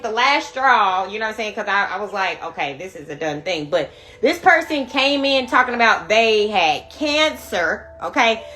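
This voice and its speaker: A woman's voice: a little high, bright, forceful tone. Emphatic, profane woman telling a story. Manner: emphatic, profane, frequent "right?" and "you know". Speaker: spiritual reader and video host. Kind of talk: candid personal storytelling to viewers.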